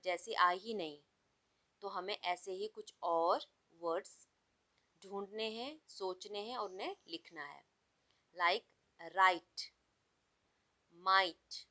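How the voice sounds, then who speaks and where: A woman's voice: mid-range voice, unhurried, bright, forceful tone. A woman teaching an English lesson, spelling words out letter by letter and mixing Hindi with English. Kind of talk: slow explanatory class lesson.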